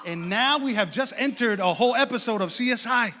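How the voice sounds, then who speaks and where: A man preaching a sermon, telling a funny story in an animated, theatrical way and often shouting. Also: very high-pitched, fairly quick, slight background noise. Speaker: pastor. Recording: reverberant hall.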